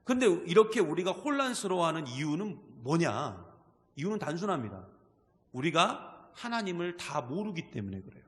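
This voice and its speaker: A man's voice: fairly high pitch, very animated, normal speed. A male pastor preaching a sermon in a conversational way, asking the congregation questions as he goes. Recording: long reverb of a church hall.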